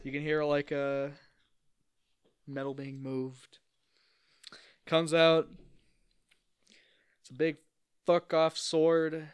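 A man with a smooth, fairly high voice runs a tabletop game as game master. He improvises narration casually, joking and swearing. The recording is close and dry. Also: little pitch movement, extremely slow, long pauses, no room sound.

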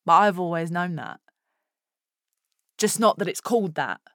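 Actress as frank, cheeky Essex woman, thirties, colloquial dramatic monologue, measured pace, dry studio-like sound. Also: lowish voice, fairly bright tone, no echo. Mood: wry, confiding. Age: 30s. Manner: colloquial, frank, wry asides. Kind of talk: scripted first-person dramatic monologue.

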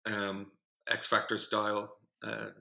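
A young man tells an animated podcast story with a gravelly, creaky edge to his voice. His delivery is forceful and bright, and he sits a little low in pitch. He rambles through fillers and restarts in a loose, casual way. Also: slow, poor audio. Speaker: podcast co-host, singing group organiser.

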